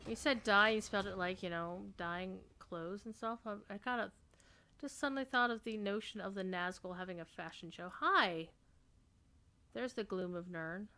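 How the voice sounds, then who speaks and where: A woman's voice: mid-range voice, normal speed, bright, forceful tone. A woman casually commenting as she plays an online game, chatty and joking. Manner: chatty and joking, talks to herself while playing. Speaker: streamer playing an online game.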